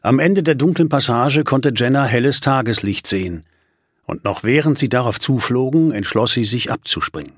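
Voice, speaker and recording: A man narrates a story for an audiobook in a measured, vivid way. His voice is husky and mid-pitched. The recording is dry and close to a studio mic. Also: lively intonation, no room sound. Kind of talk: storybook reading.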